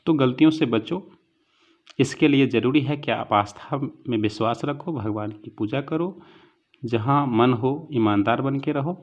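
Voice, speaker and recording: A man gives an online lesson in an earnest, fatherly way and keeps calling his listeners children. He mixes English words into Hindi and his pitch sits in an ordinary middle range. The recording sounds muffled and lo-fi. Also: a little slow. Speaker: teacher. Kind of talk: online lecture with a moral talk.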